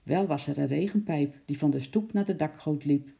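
Gravelly, dark storybook reader. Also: mid-range voice, normal speed. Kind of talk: children's storybook reading.

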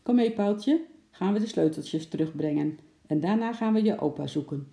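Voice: mid-range voice, lively intonation, moderate pace, gravelly, mellow. A reader voicing a kind, patient little girl in a children's storybook, in a raised, coaxing voice. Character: young girl, kind and helpful, zoo visitor. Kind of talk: storybook reading. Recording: echoey room.

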